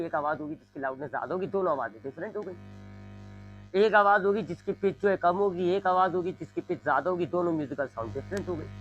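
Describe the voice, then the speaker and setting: Man teaching physics, somewhat high voice. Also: fairly bright tone, dull audio. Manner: repetitive explaining, imitates sounds. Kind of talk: classroom lecture.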